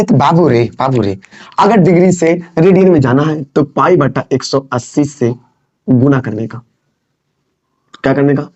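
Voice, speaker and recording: A man's voice: high-pitched, darkish tone. A man teaching physics, teasing and scolding his students and repeating phrases over and over. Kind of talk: classroom lesson. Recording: dull lo-fi sound.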